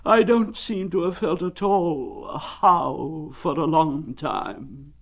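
A man voicing a gloomy old grey male donkey in a storybook reading, talking slowly and mournfully. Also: on the high side, vocal fry, voice pushed up, full character voice. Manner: slow, sad and mournful.

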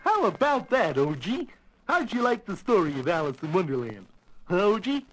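Friendly gorilla babysitter, animated children's storyteller, folksy and expressive, music underneath. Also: male voice, sits high, moderate pace, poor audio. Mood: chatty. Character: friendly pet-shop gorilla babysitter telling a bedtime fairy tale. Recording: music behind the voice.

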